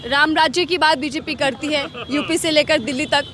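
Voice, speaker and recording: A woman's voice: high-pitched, steady tone, normal speed, a crowd in the background. A woman reporter interviewing people on a city street, asking pointed, challenging questions. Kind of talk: street vox-pop interview.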